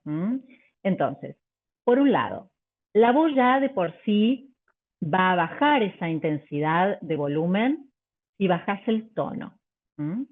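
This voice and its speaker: A woman vocal coach, teaching a live online workshop, full of fillers and restarts and demonstrating pitch and volume changes. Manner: hesitant, many fillers and restarts. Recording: tinny phone-like audio.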